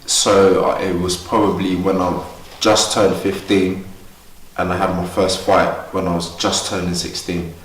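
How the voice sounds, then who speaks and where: A man's voice: sits low, flat delivery, unhurried, reverberant, recorded from a distance, rough recording. A young man from Ghana, a boxer, talking earnestly and upbeat in a casual interview at a boxing gym. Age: young adult. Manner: earnest, upbeat, talks freely.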